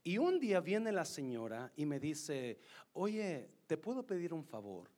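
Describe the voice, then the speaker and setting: A man's voice: on the high side, very animated, measured pace. A middle-aged man preaching a sermon, telling a personal story and mixing English words into Spanish. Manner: shifts from loud reading to soft storytelling. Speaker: pastor.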